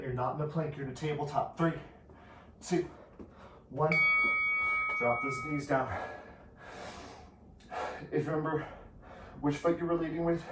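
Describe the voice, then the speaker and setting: A man coaching a workout, counting down reps with encouragement while breathing heavily. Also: on the high side. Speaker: fitness instructor. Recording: echoey room, distant from the mic, noisy.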